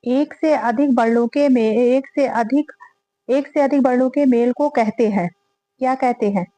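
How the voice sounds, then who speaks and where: A woman with a high, bright voice talks through exam-prep quiz questions like a teacher. She reads each question and repeats the options aloud before naming the answer. The sound is dry and close, with almost no room echo. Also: a little slow. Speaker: Hindi grammar teacher.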